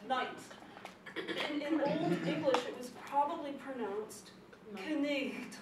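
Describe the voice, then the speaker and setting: Woman, teacher, speech lesson, emphatic, somewhat high voice, echoey classroom. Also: measured pace. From not from the Chicago area. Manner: lively, emphatic, repeats key points. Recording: echoey classroom, distant mic, background noise.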